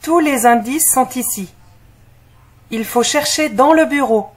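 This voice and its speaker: A woman's voice: high-pitched, measured pace, husky. A woman playing a confident, curious young student solving puzzles in a scripted audio story for language learners.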